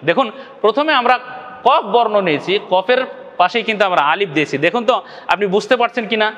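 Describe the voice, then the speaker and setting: Bangladeshi Bengali teacher, male, high voice, patient and repetitive, long reverb. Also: animated, quick pace, fairly bright tone, dull audio. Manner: patient, repeats each point, often asks the viewer if they follow. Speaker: Quran recitation teacher. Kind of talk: video lesson.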